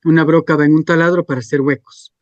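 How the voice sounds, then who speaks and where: A man's voice: fairly high pitch, fairly even intonation, fast talker, no room sound, highs cut off. A man, teaching a class and checking in with students through frequent questions. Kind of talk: classroom lecture.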